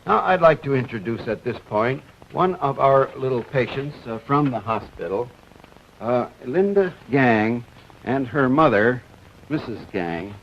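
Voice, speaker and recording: A man's voice: medium pitch, animated, a little slow. Doctor guy explaining science on an old 1950s tv broadcast, lots of uhs, dull hissy sound. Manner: hesitant, frequent "uh" fillers. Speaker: physician presenting research. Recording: dull lo-fi old TV audio, faint hiss.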